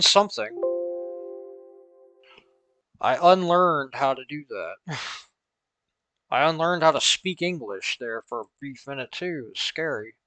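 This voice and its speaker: Slow-talking Southern man, crisp and bright. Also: on the high side, dry recording. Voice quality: slow, thinking aloud, chuckling asides. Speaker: math logic streamer. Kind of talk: casual screen-recorded tutorial.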